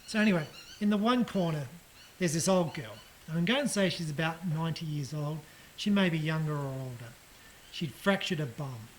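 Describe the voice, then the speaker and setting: A man giving a casual personal account of his hospital stay, halting and reflective, with frequent ums and restarts. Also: a little high, expressive, a little hiss or hum, poor audio. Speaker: patient recounting his surgery.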